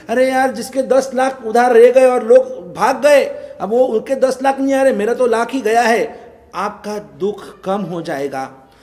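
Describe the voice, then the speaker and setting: A man, a monk, giving a sermon and telling a story as he acts out its characters. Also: very high-pitched. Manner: animated storytelling, acting out voices of characters. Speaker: Jain monk preacher. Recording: long hall reverb.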